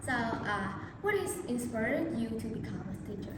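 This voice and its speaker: A young woman, a student interviewer, reading scripted questions in hesitant, halting English. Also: fairly high pitch, very animated, background noise. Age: young adult. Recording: echoey hall, distant mic, loud music.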